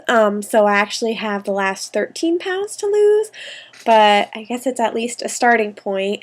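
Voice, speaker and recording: A young American woman in her twenties talking casually to camera in a home video diary, rambling with lots of ums and little laughs. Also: on the high side. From United States. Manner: chatty, rambling, with frequent ums and small laughs. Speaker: vlogger.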